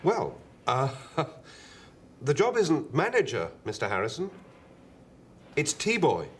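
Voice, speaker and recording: A brisk job interviewer. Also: male voice, fairly high pitch, wildly swooping pitch, a little hiss or hum, full character voice. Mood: questioning. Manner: questioning, mildly incredulous. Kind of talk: scripted comic dialogue.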